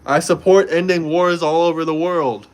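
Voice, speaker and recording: A chatty young American from Florida speaks with a slightly high voice, a steady tone and normal speed. Hosting a casual livestream indoors in Montenegro, he reads viewer comments in a loose, conversational manner and repeats himself.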